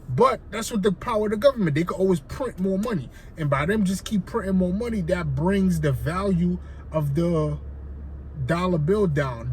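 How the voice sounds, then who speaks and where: This finance vlogger has a Haitian accent and a fairly high, slightly mellow voice, chatting loosely to his viewers and repeatedly asking "right?" The recording is low quality, with slight background noise.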